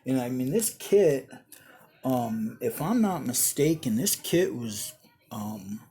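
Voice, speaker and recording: A man's voice: mid-range voice, big pitch swings, slow, warm tone. A man giving a rambling, casual update on his model build, full of fillers and restarts, tired and yawning.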